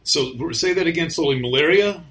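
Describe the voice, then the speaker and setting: A man's voice: fairly high pitch, a little fast, fairly bright tone. A man interviewing a guest, pressing persistently with probing questions.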